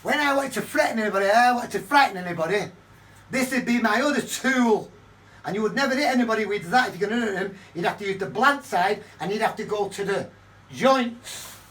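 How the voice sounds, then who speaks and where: Older man, high-pitched, profane and heated, off-mic with light hiss. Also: brisk, fairly bright tone. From Manchester, England. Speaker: vlogger. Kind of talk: casual storytelling to camera. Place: his flat, indoors. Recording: distant mic with faint background noise.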